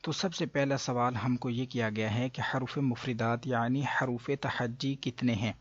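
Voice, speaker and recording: A man with a Pakistani Urdu accent teaching Quran reading, explaining patiently and drawing letters out slowly, with many hesitations. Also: mid-range voice, steady tone, husky, muffled recording. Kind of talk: explanatory lesson.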